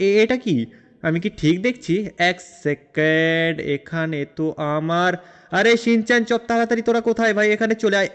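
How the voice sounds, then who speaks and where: A man with a fairly high, lightly acted voice role-plays a boastful young game hero while narrating gameplay. His talk rambles and is chatty, with fillers repeated again and again.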